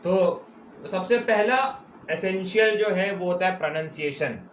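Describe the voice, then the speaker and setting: A man teaching a commerce lecture at a board, explaining terms step by step and stretching key words out slowly. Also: high voice, slight background noise. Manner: repeats key terms slowly, checks in with "ठीक है". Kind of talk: classroom lecture.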